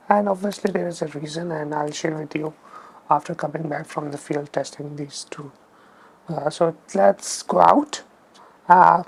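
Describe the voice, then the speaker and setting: A woman with a North Indian accent talking casually as a photography vlogger, haltingly thinking aloud. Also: lowish voice, vocal fry, slight background noise, poor audio. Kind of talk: casual vlog talk to camera.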